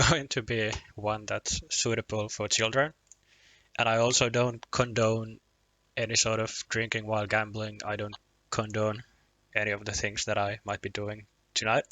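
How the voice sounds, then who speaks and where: Lowish, pushed and bright, with no room sound: that's the voice of this young Finnish man whose first language is Finnish and who has a Finnish accent. He chats casually on a poker live stream, rambling with lots of restarts, chuckles, and self-deprecation.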